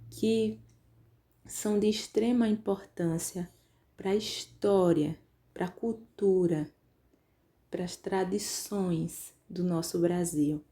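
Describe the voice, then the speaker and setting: Her voice is on the low side and dark in tone. She's a primary school teacher with a Brazilian Portuguese accent, patiently spelling out syllables during an online grammar lesson for young pupils.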